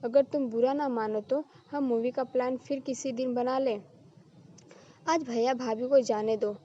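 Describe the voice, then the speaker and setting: A woman's voice: high voice, fairly even intonation, unhurried, mellow, dull audio. Woman reading as an earnest young man. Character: young man, a loyal groom.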